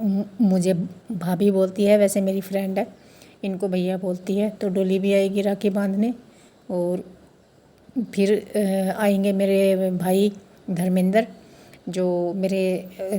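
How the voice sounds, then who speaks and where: Woman, family vlogger, casual narration, even flat delivery, warm mellow tone. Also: medium pitch. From India. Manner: chatty, explains customs step by step. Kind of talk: casual vlog narration to viewers. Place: family home during a festival.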